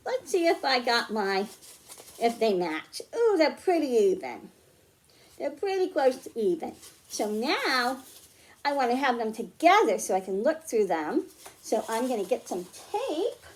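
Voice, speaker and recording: Very animated and slightly high-pitched, the storytime host, a children's librarian, reads and explains at a measured pace with sing-song emphasis. She uses simple, encouraging words for young kids during this storytime and craft demonstration.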